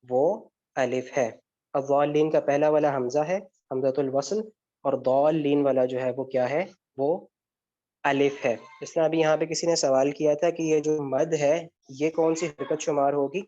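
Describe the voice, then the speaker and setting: A man's voice: fairly high pitch, little pitch movement, dark tone. A male teacher giving a lecture step by step, often asking a question and then answering it himself. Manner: explains step by step, asks and answers his own questions. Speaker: Arabic grammar teacher. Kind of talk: online lecture with student questions. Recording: dull lo-fi sound.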